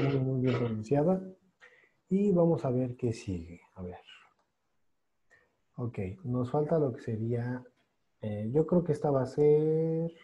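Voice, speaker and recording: A man leads an online pronunciation class. His voice is dark and mellow as he repeats each sound slowly and patiently. He praises students warmly after each try. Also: mid-range voice. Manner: patient, encouraging, drills sounds by slow repetition. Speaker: English pronunciation teacher.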